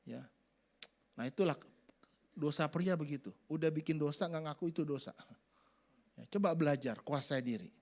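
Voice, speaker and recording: A middle-aged man preaching a sermon, acting out family scenes in sudden loud voices. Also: fairly high pitch, moderate pace, long pauses. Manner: animated, acts out family scenes with shouted voices. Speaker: pastor.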